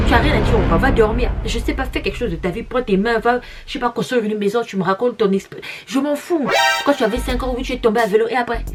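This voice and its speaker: Young congolese woman, lari is her first tongue, blunt and mocking, slangy vlog rant, quiet music under it. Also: medium pitch. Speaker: YouTuber reacting to comments. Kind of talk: casual reaction vlog.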